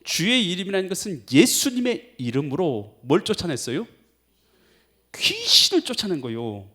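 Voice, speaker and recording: Animated male pastor quizzing his congregation. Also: high voice, moderate pace, slightly rough. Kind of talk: sermon.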